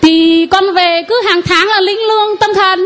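A woman's voice: extremely high pitch, fairly even intonation, normal speed, a bit bright, soft background music. A woman in the congregation giving a spoken testimony of healing to the priest, earnest and sometimes laughing.

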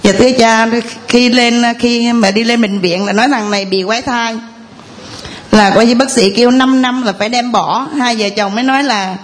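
A woman, telling a long, rambling, earnest story of faith to a priest in church. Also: a little high. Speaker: parishioner giving testimony. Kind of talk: tearful church testimony.

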